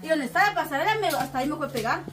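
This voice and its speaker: High fast woman, rambling. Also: lively intonation, crowd noise. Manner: rambling, breathless storytelling with broken restarts. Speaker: woman telling of being beaten. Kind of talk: emotional first-person account.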